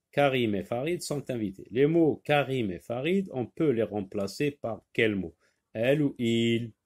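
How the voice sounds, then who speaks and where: A man teaching a reading lesson, slowly repeating each word and breaking it into syllables. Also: mid-range voice, darkish tone.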